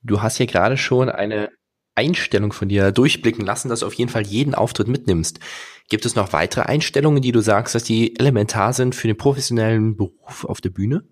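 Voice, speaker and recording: A man calmly asking interview questions in a measured way. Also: lowish voice.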